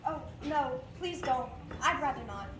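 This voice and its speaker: A woman's voice: high voice, expressive, measured pace. A woman playing an earnest, romantic and proud young woman in an amateur stage play, recorded from a distance in a noisy, echoing room. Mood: flustered.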